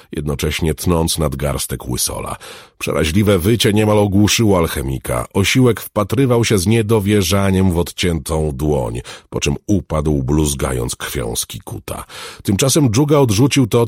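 Very deep husky male narrator. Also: no echo, studio quality. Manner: expressive storytelling. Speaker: audiobook narrator. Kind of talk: scripted fantasy narration.

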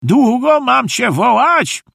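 A man voicing a bossy old grandfather in an audiobook, puffing and commanding loudly. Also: extremely high pitch, sing-song, slow pace, creaky, no echo, clean studio sound, pitched above the performer's own voice, exaggerated voice. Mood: scolding.

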